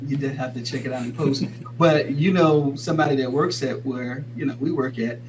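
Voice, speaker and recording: A man hosting a casual talk show, excitable and rambling, laughing often and a little out of breath. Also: mid-range voice, moderate pace, background noise. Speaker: host. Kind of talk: casual chat.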